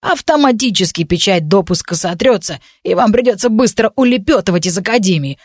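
A woman voicing a gruff, grumbling male goblin doorkeeper in an audiobook, curt and growling. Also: medium pitch, expressive, a little fast, a little mellow, dry recording, studio quality, close to an everyday voice.

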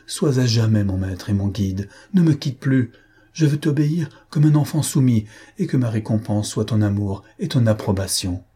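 A man reading an audiobook, voicing a devoted young woman who speaks with fervent, soft pleading. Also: on the low side, lively intonation, normal speed, breathy edge.

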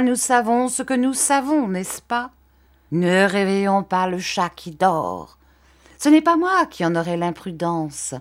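A woman voicing a sly, falsely humble male clerk who fawns and threatens by turns in a storybook reading. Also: medium pitch.

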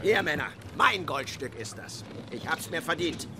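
Captain Ahab, high-pitched, commanding whaling skipper. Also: male voice, very animated, normal speed, over loud music. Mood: grim, resolute. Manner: commanding, barking orders. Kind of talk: radio drama acting.

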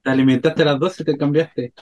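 A man's voice: fairly high pitch, steady tone, darkish tone, no room sound. Wisecracking man, short quips. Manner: quick short interjections, wisecracks. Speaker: radio co-host. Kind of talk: casual radio banter.

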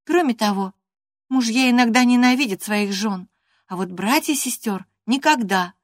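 A woman's voice: moderate pace, no echo, studio quality, natural voice. A woman putting on a stubborn, fiery teenage girl. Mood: firm. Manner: high, vehement and indignant. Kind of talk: audiobook character reading.

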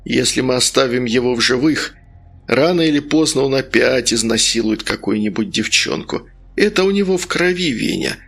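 A man's voice: mid-range voice, animated, moderate pace, gravelly, a bit bright, husky, full character voice. Man doing a stern, menacing sorcerer. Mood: stern, persuasive. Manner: stern, coaxing, harsh barks. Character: stern menacing male sorcerer, cruel, persuasive.

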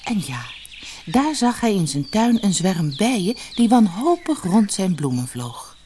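A woman reading a fairy tale aloud as a storyteller, with an expressive, gently varied delivery. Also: medium pitch, a little slow, a little hiss or hum. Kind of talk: storybook narration for children. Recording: audiobook with soft music behind. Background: faint music.

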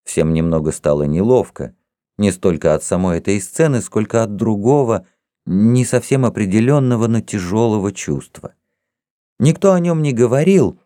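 A man narrating an audiobook with expressive storytelling. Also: lowish voice, no echo, studio quality. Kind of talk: audiobook reading.

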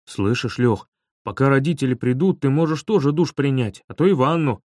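A man voicing a cocky schoolboy friend in an audiobook, brisk and teasing. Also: mid-range voice, a little mellow, dry recording, studio quality, close to an everyday voice. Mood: smug. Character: cocky schoolboy friend Vitka, hiding in bathroom. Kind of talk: audiobook reading.

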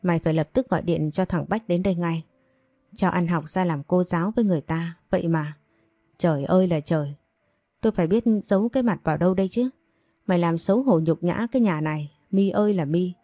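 A woman reads as an enraged, harsh middle-aged father in an audio story, shouting and scolding in a low, mellow voice. The sound is dry and close. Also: fairly quick, no room sound, natural voice. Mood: furious scolding.

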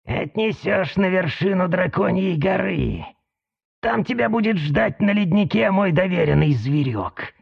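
Storybook villain: creaky, dry-voiced lemur, voiced by a male narrator, hushed and menacing. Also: high-pitched, animated, a little slow, dull audio, pitched above the performer's own voice, full character voice. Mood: commanding. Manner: menacing, imperious.

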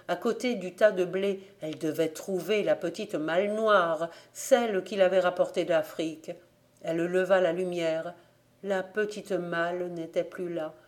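A woman narrating an audiobook of a classic novel as a volunteer reader, reading in a steady, measured literary way. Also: lowish voice.

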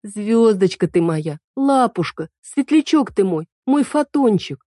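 A woman's voice: mid-range voice, lively intonation, normal speed, mellow, dry recording, clean studio sound, pitched above the performer's own voice, lightly acted. Kind, motherly fairy lady with a playful, cooing lilt; woman narrator doing the voice. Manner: cooing and coaxing.

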